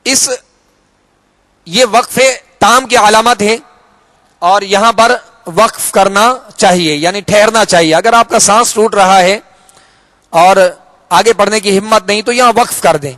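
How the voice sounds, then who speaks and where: A man with a Pakistani Urdu accent, teaching Quran reading in a slow, patient lesson, repeating each rule and drawing out the example words. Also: high-pitched, a bit bright, dry recording. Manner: patient, repeats key rules, drawn-out Arabic examples.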